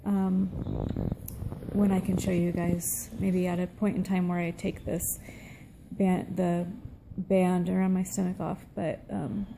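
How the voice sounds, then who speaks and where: A middle-aged woman giving a casual update to camera, sounding tired, subdued and weak after surgery, with a gravelly, low-energy voice. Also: flat delivery, slow pace, background noise. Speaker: vlogger. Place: small room at home, seated indoors. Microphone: phone at arm's length.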